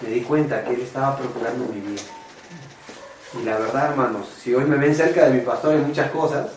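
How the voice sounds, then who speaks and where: A man's voice: mid-range voice, brisk, roomy sound, distant mic, slight background noise, poor audio. A man preaching a personal testimony sermon, earnest and confessional, often calling his listeners brothers. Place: church meeting room.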